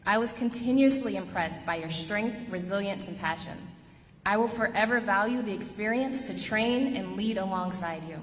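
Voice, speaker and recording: A woman giving a formal podium speech as an outgoing army commander, in measured short phrases. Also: mid-range voice. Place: large echoing ceremony space, addressing an audience. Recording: echoey hall, noisy, long reverb.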